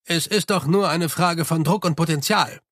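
A man voicing a cold commanding male official in an audiobook, curt and flat with a dry close sound. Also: fairly high pitch, moderate pace, no echo.

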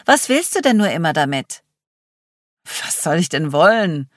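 A man's voice: fairly high pitch, sing-song, moderate pace, no echo, clean studio sound. A reader voicing a sarcastic young man who pours out his despair in an audiobook. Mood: agitated. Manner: raw, increasingly despairing outburst. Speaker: character in an audiobook. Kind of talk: audiobook reading.

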